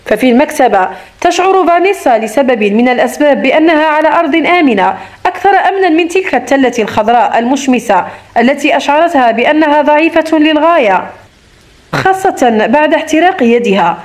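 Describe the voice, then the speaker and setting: High-voiced woman reading a romance novel. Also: expressive, quick pace. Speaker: audiobook narrator.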